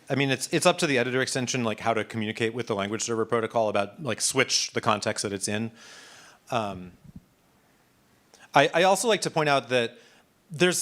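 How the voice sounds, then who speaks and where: A man's voice: mid-range voice, fairly bright tone. Man teaching a casual live coding workshop. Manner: casual, many fillers and restarts. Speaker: workshop instructor.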